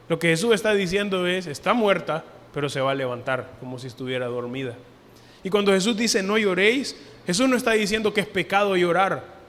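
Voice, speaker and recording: A man preaching a sermon as pastor, earnest, lifting his voice for emphasis and dropping it softly for quoted words. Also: high voice. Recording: long hall reverb.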